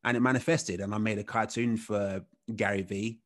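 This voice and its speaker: Guy in his 30s, lowish voice, chatty podcast guest, lots of "you know"s. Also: normal speed. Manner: relaxed, rambling, heavy on "you know" fillers. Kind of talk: casual storytelling interview.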